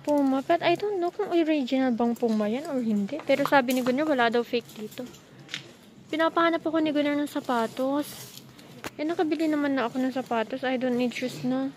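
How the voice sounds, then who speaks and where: Filipina woman from the philippines vlogging on her phone, high voice, chatty and laughy, loud street noise behind. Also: brisk. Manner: chatty, switching between Tagalog and English, laughs often. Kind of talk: casual vlog chat. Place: outdoors at a fairground and market.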